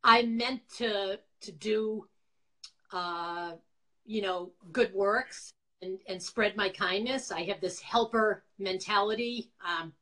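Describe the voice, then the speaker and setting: A middle-aged woman with a Boston accent, from Quincy, Massachusetts, chats as an interview guest about her past as a nonprofit founder, talking readily over an indoor video call. Her medium-pitched, fairly bright voice takes things slowly.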